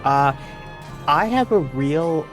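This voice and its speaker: A man from Trinidad chats casually on a stream, laughing often, with an accent that blends Trinidadian and New York. His voice is a little high and animated, and he speaks slowly over music.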